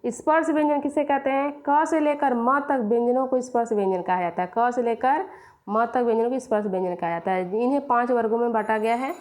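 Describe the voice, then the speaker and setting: Higher-voiced woman teaching grammar. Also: fairly quick, darkish tone. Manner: explains step by step, quizzing and answering herself. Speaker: Hindi teacher. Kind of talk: classroom grammar lesson.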